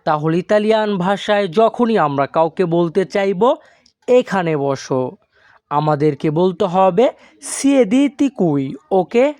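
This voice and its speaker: A man teaching a language lesson from a script, slowly and deliberately, drawing out each foreign word. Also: sits high, expressive, a little mellow, no echo, clean studio sound. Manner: slow and deliberate, stretches out foreign words.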